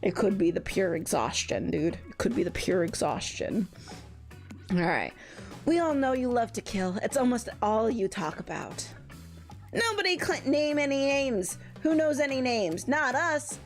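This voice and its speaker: A young woman streamer with a high voice that swoops up and down as she chats with her viewers. She laughs often and curses freely. Faint game music plays quietly behind her. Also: expressive, moderate pace. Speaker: VTuber streamer. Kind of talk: casual livestream chat.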